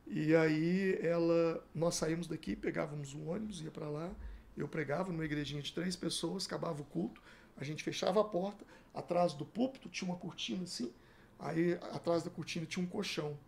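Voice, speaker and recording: A man's voice: on the high side, fairly even intonation, brisk, vocal fry, a little mellow, a little hiss or hum. A middle-aged man from Brazil, a pastor, telling his life story in a podcast interview and acting out the dialogue as he goes.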